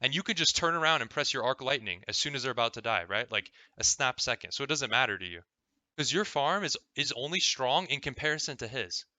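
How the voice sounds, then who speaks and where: A man's voice: mid-range voice, sharp tone, no echo. A man coaching a player over a gameplay replay in a casual, explaining way, often checking in with "right?" and swearing freely. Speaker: game coach.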